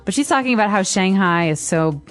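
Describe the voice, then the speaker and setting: A woman's voice: medium pitch, expressive, a little fast, soft background music. A woman from Chicago co-hosting an English lesson podcast, explaining phrases emphatically. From Chicago, United States. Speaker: podcast host, English teacher.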